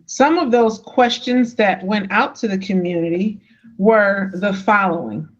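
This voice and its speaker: A woman's voice: medium pitch, unhurried. A woman moderates a council meeting, reading questions and calling on speakers. Her tone is polite and formal. The audio is dull and lo-fi.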